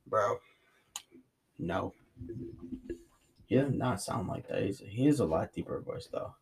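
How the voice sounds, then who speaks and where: A vlogger with a New York and New Jersey accent rambles casually from a bedroom in a rented cabin, slangy and saying "bro" a lot. His lowish voice is husky with vocal fry, slow but animated.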